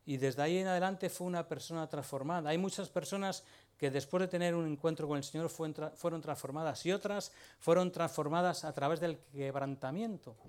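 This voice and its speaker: A man's voice: on the high side, a little fast, darkish tone. A man preaching a sermon, talking to the congregation in a conversational way and often asking them rhetorical questions.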